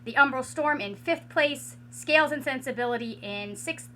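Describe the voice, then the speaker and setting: A woman with a hoarse, raspy voice after losing it to illness, chatting casually at home as a book reviewer, rambling with many fillers and restarts. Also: high voice, normal speed, pushed and bright, slight background noise. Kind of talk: casual vlog chat. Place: at home with a ring light.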